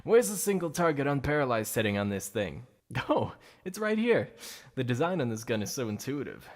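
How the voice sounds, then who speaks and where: In this clip a man plays a boastful, playful supervillain for an ASMR roleplay, hiding a secret obsession behind the act. His mid-range voice is sing-song and a little fast, the acting light. He comes across as a gloating showman, showy and mocking with a playful streak.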